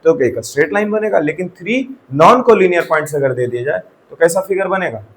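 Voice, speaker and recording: A man's voice: fairly high pitch, lively intonation, normal speed, poor audio. A man teaching a maths lesson in a classroom, often quizzing his students and checking that they follow. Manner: asks the class questions and checks with repeated "theek hai". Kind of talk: classroom lecture.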